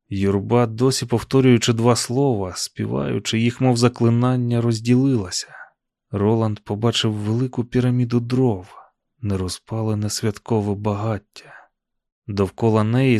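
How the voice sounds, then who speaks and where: A man narrating an audiobook in a calm, even storytelling manner. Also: mid-range voice, no echo, studio quality. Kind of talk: scripted narration.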